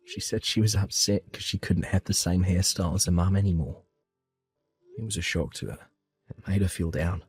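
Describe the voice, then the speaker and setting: A man calmly telling his own family story in the first person and voicing his part of the dialogue with reassuring warmth. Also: sits low, moderate pace, breathy edge, faint music behind. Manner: calm, reassuring, heartfelt.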